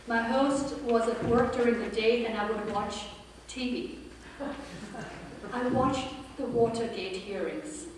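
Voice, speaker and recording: A woman's voice: a little high, takes it slowly, recorded from a distance, slight background noise. Woman in her fifties, echoey hall speech. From India and Pakistan. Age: 50s. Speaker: political candidate. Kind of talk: campaign speech. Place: forum room with an audience.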